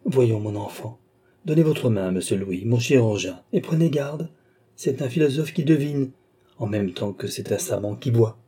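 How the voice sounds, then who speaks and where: A man voicing a gracious young princess who speaks kindly but with gentle command. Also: medium pitch, lively intonation, normal speed, breathy edge. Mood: gracious, lively.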